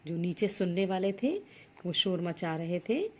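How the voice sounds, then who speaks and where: Slow, husky woman teaching a lesson. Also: fairly low pitch, lively intonation. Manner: reads each Sanskrit word, then explains it plainly in Hindi. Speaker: Sanskrit teacher. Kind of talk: school lesson going through textbook exercises.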